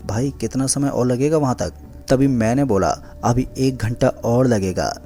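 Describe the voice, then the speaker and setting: Low dark-voiced man narrating a horror story. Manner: calm, measured telling. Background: faint background music.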